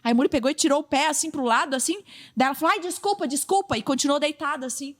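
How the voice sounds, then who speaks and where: Talking rapid-fire in a high voice, a young Brazilian podcast host and preacher spins a story in relaxed chat. She has a Brazilian Portuguese accent and stays lively, acting out other people's lines.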